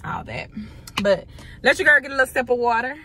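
A young woman who works as a fitness trainer and vlogger talks casually to the camera from her parked car, rambling and chatting with her viewers. Her voice is high, expressive and sharp-toned, and she speaks a little fast. There is slight background noise.

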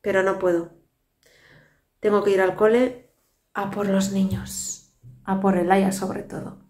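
A tired woman in her thirties, a family vlogger and native Basque speaker with a Basque Spanish accent, chats and rambles with weary asides into her phone camera at arm's length. Her medium-pitched, darkish voice shows little pitch movement and is a little slow; the echoey tiled home kitchen has soft music in the background.

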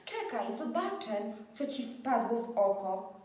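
A woman's voice: a little high, sing-song, a little slow. A woman voicing a kind, caring little girl in a storybook, recorded in an echoey room from far off. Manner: gentle, worried.

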